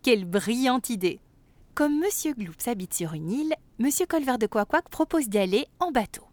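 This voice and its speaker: A woman narrating a children's story in a lively, expressive way, talking to the young listener. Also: fairly high pitch, normal speed, no room sound. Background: background music.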